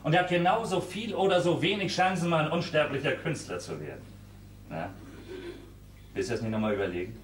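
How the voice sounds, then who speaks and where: An actor playing a harried young sculptor, blunt and exasperated, recorded live on a roomy stage from a distance. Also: male voice, a little high, expressive, brisk, slight background noise, natural voice. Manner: exasperated, blunt, sometimes shouting. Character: harried young sculptor, man, curt with his ex.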